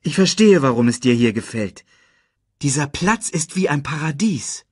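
A man's voice: on the high side, lively intonation, normal speed, husky, no echo, studio quality, pitched above the performer's own voice. A man voicing an earnest, urgent young female lioness in a storybook audiobook. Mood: delighted. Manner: pleading, insistent.

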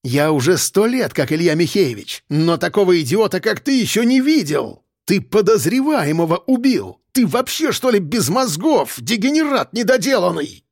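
A man voicing a furious, foul-mouthed middle-aged police chief who yells and sneers at his men. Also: animated, brisk, slightly rough, no echo, clean studio sound. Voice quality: shrill, yelling. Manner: screaming abuse, sneering mockery.

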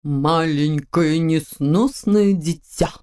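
A woman voicing a grumpy male stork nearly a hundred years old, who talks slowly and gruffly. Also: low voice, darkish tone. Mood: grumbling.

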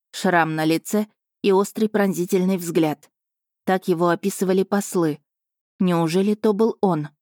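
A woman narrating an audiobook in the first person at an even, measured pace, close to the mic. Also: on the low side, no room sound.

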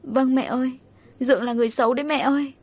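A woman's voice: sits high, steady tone, quick pace, a little mellow, pitched above the performer's own voice. A woman voicing a frightened young daughter who pleads tearfully and hesitantly.

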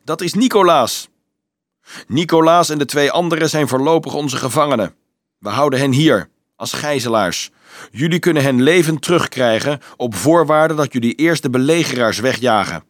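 A man voicing a foreign officer who shouts orders down from castle walls. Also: medium pitch, moderate pace, dry recording, clean studio sound, pitched above the performer's own voice, lightly acted. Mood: commanding. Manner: shouting down, commanding.

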